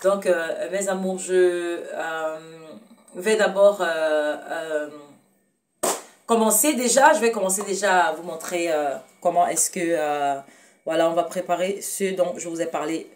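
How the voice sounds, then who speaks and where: Speaking at a measured pace in a lowish voice, a woman from Cameroon with a Cameroonian French accent presents a laid-back cooking demo in her kitchen. She hesitates often, uses many fillers, corrects herself, and addresses viewers with fondness. The recording is distant with slight hiss or hum.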